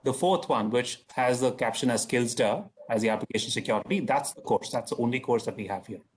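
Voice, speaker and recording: Man, husky, mid-pitched, matter-of-fact, explaining on a video call. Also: brisk. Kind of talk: webinar explanation.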